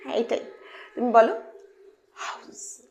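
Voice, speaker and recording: A woman gives a playful phonics lesson to young learners in a fairly high voice. She coaxes them along with question after question. She drags each sound out slowly and repeats it. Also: expressive, darkish tone, a little hiss or hum. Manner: playful, coaxing, asks many questions. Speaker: English phonics teacher. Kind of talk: informal lesson to children.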